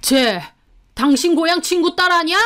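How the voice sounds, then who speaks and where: An angry older father-in-law, put on by a woman narrator in a storybook tale. He blusters and scolds, his voice pitched quite high for a man. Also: lively intonation, moderate pace, fairly bright tone.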